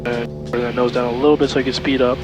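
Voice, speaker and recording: Calm, even-toned man giving intercom flight instructions. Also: mid-range voice, fast, music in the background. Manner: calm, reassuring, repeats short instructions. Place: small plane cockpit in flight. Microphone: aviation headset intercom.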